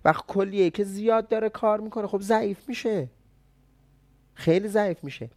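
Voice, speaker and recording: A man's voice: high-pitched, a little mellow. A man giving an explanatory talk on traditional medicine, speaking conversationally and answering his own rhetorical questions.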